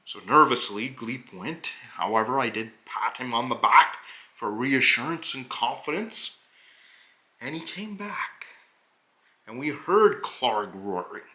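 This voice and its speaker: A man voicing a noble, earnest hobgoblin adventurer who recounts a tabletop quest with deliberate, halting phrasing and dramatic pauses. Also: mid-range voice, lively intonation, sharp tone, full character voice. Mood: earnest recounting. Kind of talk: in-character narration of a tabletop adventure.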